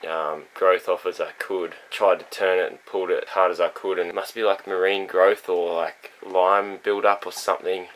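Young man, low monotone, laid-back vlog chat on a boat, handheld camera. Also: moderate pace, hardly any pauses, poor audio. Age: young adult. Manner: relaxed and rambling, with many fillers. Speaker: sailing vlog host. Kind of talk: casual vlog talk to camera. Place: on and inside a sailboat. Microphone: action camera held close.

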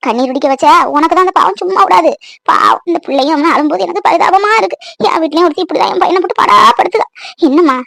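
A woman's voice: very high voice, vocal fry, fairly bright tone, no room sound, studio quality, heavily acted. A woman voicing a grumbling old village woman. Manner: lamenting, scolding, moralizing. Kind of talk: cartoon voice acting.

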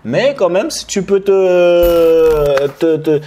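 Joking host on a webcam with faint hiss. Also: male voice, high voice, extremely slow, mellow. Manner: joking, chatty, addresses viewers directly. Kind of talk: casual interview on a video call. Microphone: video call webcam.

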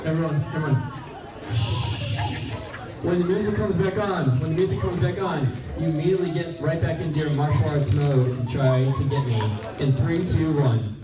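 A man's voice: on the high side, moderate pace, loud music behind the voice. Distant, echoey man commanding a noisy crowd. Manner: commanding, repeats short instructions. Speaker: stage hypnotist hosting a show. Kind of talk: live stage hypnosis show, giving commands to volunteers. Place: large crowded indoor hall. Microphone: far audience camera. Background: audience noise and laughter.

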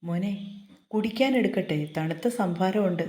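Woman doing a gentle, welcoming father. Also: lowish voice, normal speed, echoey room, lightly acted. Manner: polite, welcoming. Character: gentle hospitable middle-aged father.

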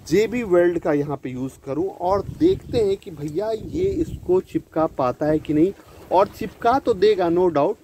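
A man with a slightly high voice talks viewers through a scooter repair in a friendly, chatty way. He slips English words into his explanation. Recorded outdoors on the camera mic while he works, with a faint outdoor hum behind him. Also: dark tone. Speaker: DIY repair video host. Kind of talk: casual tutorial narration.

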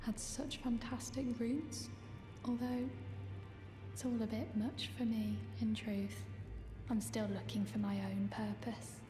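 A woman's voice: on the high side, steady tone, slow pace. A woman voicing a weary, melancholy woman in a video game who is still searching for her purpose. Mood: wistful. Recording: reverberant game audio with music.

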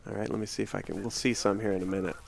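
A man's voice: on the low side, level tone, racing, creaky, husky. Rambling man giving game commentary. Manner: rambling, explains the game to a friend. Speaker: let's-play host.

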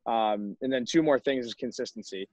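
Speaking at a moderate pace, the young college baseball coach has a mid-range, somewhat dark voice, with no room sound. He's emphatic with other coaches on a video call, often punctuating points with "right?", captured in dull, dry video-call audio.

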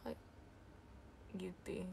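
A young woman with an Indonesian accent, chatting casually and excitably with viewers on a livestream, mixing in English phrases. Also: extremely slow, a little hiss or hum. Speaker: idol livestream host.

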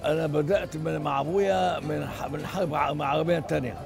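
An elderly man with an Egyptian Arabic accent, a restaurant owner answering interview questions outdoors on a street, halting and repeating himself. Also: on the high side, fairly even intonation, vocal fry, music in the background. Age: older. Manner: halting, repeats the host's words, stumbles and restarts.

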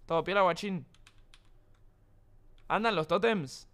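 Gaming on a live stream, a young man with an Argentine Spanish accent trades crude jokes, slang and curses with his audience. He has a high, slightly bright voice and speaks slowly.

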